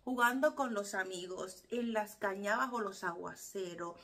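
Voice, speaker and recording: Expressive Cuban woman vlogger. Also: medium pitch, measured pace. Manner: expressive, explaining slang with acted quotes. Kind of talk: casual talk to camera.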